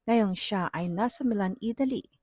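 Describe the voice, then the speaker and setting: A woman reading a scripted entertainment news voice-over in an even, newsreader-like delivery. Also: mid-range voice, moderate pace, no echo, studio quality.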